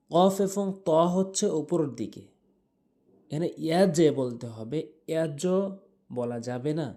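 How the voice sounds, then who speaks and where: A male teacher walks listeners through correct Quran pronunciation. He explains each point in a calm, unhurried way, then draws out the recited verses in a slow, sung style. His voice is mellow and dark. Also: a little high. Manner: drawn-out melodic recitation between plain explanations. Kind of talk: tajweed lesson with slow recited examples.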